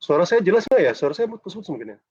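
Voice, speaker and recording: A man's voice: high voice, very animated, very fast, a little mellow, slightly rough, no echo. A man lecturing a university class over a video call with a dull, choppy connection, chatty and ending phrases with a questioning "ya". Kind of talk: casual online class lecture.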